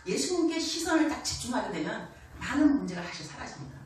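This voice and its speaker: Animated woman preaching in echoey church. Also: on the high side, quick pace. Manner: animated, acts out quoted voices, laughs often. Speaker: missionary preacher. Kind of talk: sermon. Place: church sanctuary. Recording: echoey church hall, distant mic, faint noise.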